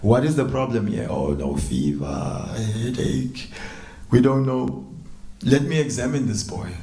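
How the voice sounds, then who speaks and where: Brief: man playing a bragging village yogi doctor, gravelly and grand, echoey room. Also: medium pitch, expressive, unhurried, warm tone. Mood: boastful. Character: boastful male yogi doctor, know-it-all.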